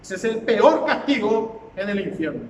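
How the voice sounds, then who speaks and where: A man with a very high voice preaches with emphasis, driving his points home by repeating them. He sounds distant from the microphone. A long hall reverb trails each phrase, with faint noise underneath. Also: very animated, normal speed. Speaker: pastor. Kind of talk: sermon.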